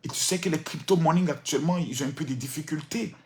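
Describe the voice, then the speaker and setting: A man voicing a smooth-talking male scammer who begs his lover for money in a soft, wheedling tone. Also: a little high, quick pace, close to an everyday voice.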